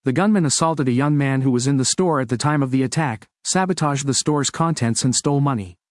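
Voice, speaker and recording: A man giving a steady, measured scripted narration of a news report. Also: mid-range voice, no room sound, studio quality.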